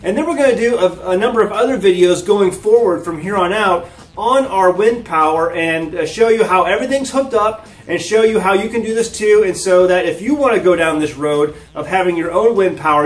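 An American man in his thirties hosts a homesteading vlog, casually walking viewers through a product. His high-pitched voice is brisk, and the living room, with its wood floor and large windows, gives the recording a roomy echo.

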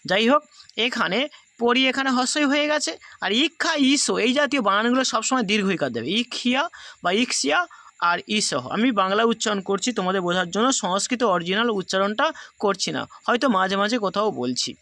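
A man's voice: high-pitched, lively intonation, quick pace, bright, forceful tone. A man teaching a grammar class, explaining the rules patiently and going over each step again. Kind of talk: recorded class lesson.

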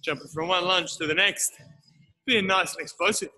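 A man's voice: high-pitched, fairly even intonation, moderate pace, bright, forceful tone. A man coaching a live workout, encouraging the group and counting down the time. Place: large gym studio.

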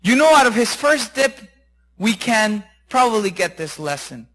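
A man preaching a sermon, retelling a Bible story with animated, acted-out voices. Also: sits high, moderate pace, rough recording. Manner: animated, acts out characters' voices.

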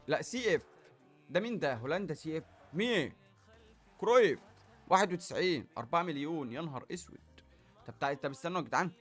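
A young man with an Egyptian accent giving excited commentary while opening packs in a football game, groaning and exclaiming at each result. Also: a little high. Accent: Egyptian Arabic. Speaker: gaming YouTuber.

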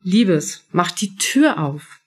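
A woman voicing a loving, worried middle-aged mother who pleads gently. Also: low-pitched, slow pace, breathy edge, heavily acted. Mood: pleading.

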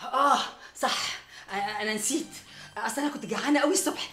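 A woman's voice: on the high side, quick pace, a bit bright, lightly acted. An actress playing a scheming middle-aged mother in an Egyptian Arabic sitcom, coaxing her daughter with sugary words and nervous laughs. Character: scheming, flustered mother hiding a secret marriage. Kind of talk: sitcom acting. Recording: roomy set sound.

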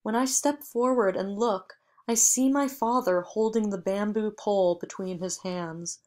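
Woman reading an audiobook, slow and steady, mid pitch. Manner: measured, even first-person storytelling. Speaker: audiobook reader. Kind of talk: audiobook narration.

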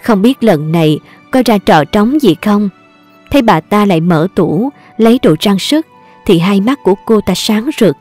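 Southern vietnamese woman reading a story, mid voice, dry sound, soft music under. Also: mid-range voice, expressive, normal speed, no room sound. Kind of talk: scripted story narration.

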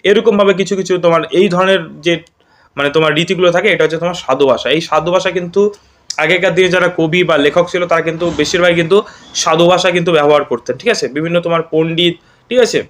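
Speaking fast in a slightly high, steady, somewhat bright voice, a West Bengal teacher gives an exam-focused grammar lesson. Each point ends with "ঠিক আছে?" ("right?") as he quizzes his students.

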